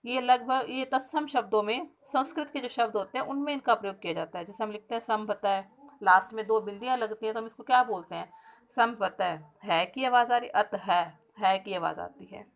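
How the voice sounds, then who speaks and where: Higher-voiced woman teaching a class. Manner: explains step by step and asks the class questions; slows down to spell out sounds and example words. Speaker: school teacher. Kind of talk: recorded grammar lesson for pupils.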